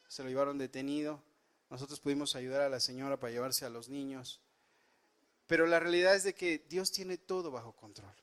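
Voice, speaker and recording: Man, pastor, earnest sermon storytelling, fairly high voice. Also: a bit bright. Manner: earnest storytelling, rising and dropping pitch for emphasis. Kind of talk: sermon with personal testimony.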